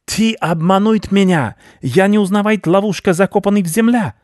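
A man's voice: medium pitch, expressive, normal speed, no echo, clean studio sound, pitched above the performer's own voice, close to an everyday voice. A man voicing a pompous, vicious male rat baron who talks in broken grammar, for a storybook reading. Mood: furious. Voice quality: broken grammar, haughty and blustering.

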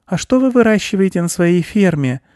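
A man's voice: sits high, animated, a little fast, a little mellow, dry recording, clean studio sound, pitched above the performer's own voice. A man voicing a curious little girl with an eager, questioning manner in a storybook reading.

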